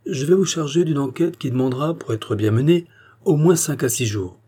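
Man reading as a gruff fatherly police chief. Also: fairly high pitch, moderate pace, warm tone, pitched above the performer's own voice. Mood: stern.

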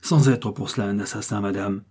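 Male reader doing a grim dutiful headsman, blunt, husky. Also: lowish voice, brisk, a little mellow.

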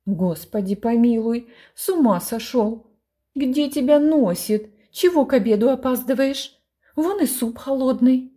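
Woman doing a brisk, scolding mother. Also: on the high side, animated, dark tone.

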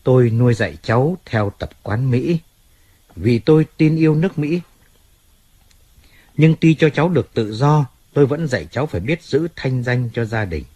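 A husky-voiced man reading the part of an aging undertaker who pleads plaintively and with self-pity in an audiobook. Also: mid-range voice, animated, moderate pace, dark tone, close to an everyday voice. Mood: grieving. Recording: faint music in background.

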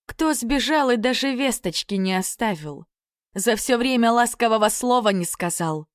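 A woman's voice: a little high, expressive, moderate pace, clean tone, no echo, voice pushed up, close to an everyday voice. A scornful young fairy-tale princess speaks in a cold, lifted voice, as a woman reader acts her out. She is imperious and icy. The recording is dry and close. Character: haughty young tsar's daughter, cold and scornful.

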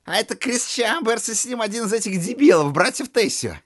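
A man's voice: high voice, animated, a little fast, voice pushed up. A man voicing a spiteful, taunting middle-aged junkyard owner in an audiobook, sneering as he jeers. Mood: jeering. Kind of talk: audiobook character voice.

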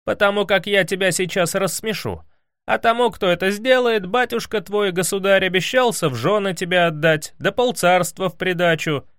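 Storybook casting: a man playing a cocky, lovesick young fellow, raised pitch, loud, folksy and old-fashioned in speech. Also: normal speed, no echo, studio quality. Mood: boastful. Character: bumbling young male suitor, boastful and lovesick.

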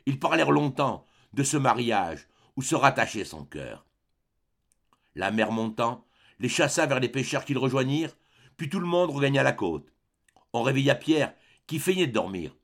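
A man narrating a classic novel aloud in a measured, expressive storytelling manner. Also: medium pitch, creaky. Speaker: audiobook reader. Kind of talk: literary audiobook narration.

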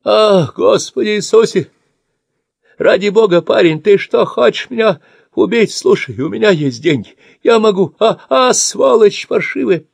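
A man's voice: expressive, measured pace, vocal fry, dry recording, exaggerated voice. A man voicing a bound, abusive old man in his seventies who shrieks and curses. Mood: agonized. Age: 70s. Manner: shrill, shrieking, cursing.

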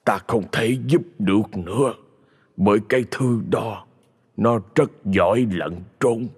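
Slow, solemn old exorcist, low and husky, long hall reverb , read by a male narrator. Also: a little mellow.

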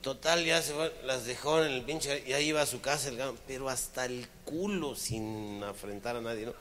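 A man with a Mexican accent telling crude jokes in animated slang. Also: medium pitch, moderate pace. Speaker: comedian. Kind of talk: stand-up joke telling.

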